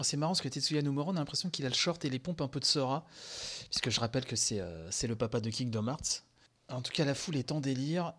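A man hosting a podcast, reacting live to a game conference, excitable and gushing, with many fillers and sighs, tired from sleepless nights. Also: medium pitch. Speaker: podcast host.

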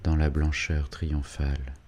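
Un narrateur de livre audio à la voix très grave, qui lit d'un ton mesuré et solennel. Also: male voice, very deep voice, level tone, measured pace, a little mellow. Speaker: audiobook reader. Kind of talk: scripted narration of a novel.

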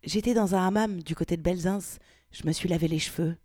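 A shy, reserved young married woman, as a woman reads her speaks softly and haltingly. The voice is low-pitched and mellow. It is dry and close. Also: no echo, lightly acted. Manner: hesitant, soft-spoken.

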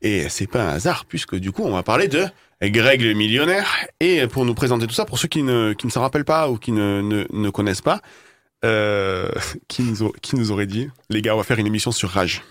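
Lively laughing French podcast host. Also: male voice, medium pitch, normal speed. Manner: laughing often, mimicking clips. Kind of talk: casual chat.

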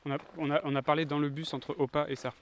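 A man from France, co-host of a travel podcast, telling travel anecdotes in a relaxed, casual chat. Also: a little high, quick pace, slight background noise.

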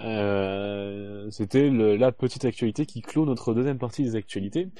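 A man's voice: fairly low pitch, normal speed, mellow, no room sound. A man hosting a podcast, leading the segments with some hesitant fillers. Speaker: host.

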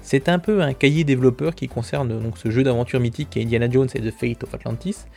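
A man's voice: medium pitch, fairly even intonation, fast talker, vocal fry, dark tone, faint music behind. A man hosting a podcast, running through a casual news roundup with chatty, self-mocking asides and frequent fillers. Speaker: podcast host.

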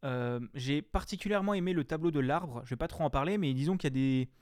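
A man's voice: a little high, fast talker, a little mellow, dry recording, clean studio sound. A young man reviewing a game in casual chat, rambling and slangy, with frequent swearing and filler words.

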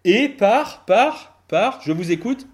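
A man hosting a casual podcast chat, animated and self-mocking, swearing freely. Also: sits high, slow pace. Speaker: podcast host.

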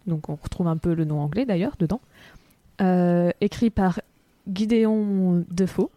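A woman's voice: fairly low pitch, moderate pace, mellow, no room sound. A woman co-hosting a casual film podcast, explaining things step by step with many fillers. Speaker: podcast co-host.

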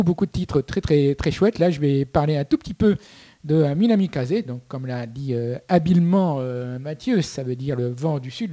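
A man's voice: a little high, dark tone. A man co-hosting a casual podcast, presenting his segment with many fillers and restarts. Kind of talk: casual chat.

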